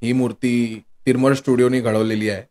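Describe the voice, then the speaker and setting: A man's voice: medium pitch, level tone, moderate pace, a little mellow. A man hosting a podcast, chatting casually and telling an anecdote with quoted exchanges. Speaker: podcast host.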